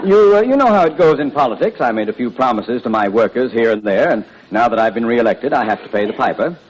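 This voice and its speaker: An actor playing a dignified, pompous small-town mayor who flusters easily, in a 1940s radio comedy. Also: male voice, mid-range voice, lively intonation, fast, a little hiss or hum, lightly acted, low-quality recording. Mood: genial, formal. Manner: formal, proper, exasperated. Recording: old radio broadcast, loud studio audience.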